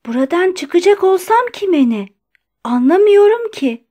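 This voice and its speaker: A woman reader voicing an aging male doctor who pleads in a high, trembling, strained voice. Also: expressive, unhurried, a little mellow. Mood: desperate pleading.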